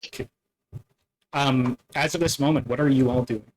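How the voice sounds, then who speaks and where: Male dungeon master, mid-pitched, halting delivery with lots of fillers. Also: steady tone, a little hiss or hum, low-quality recording. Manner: halting, many fillers and restarts. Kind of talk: narrating a tabletop game.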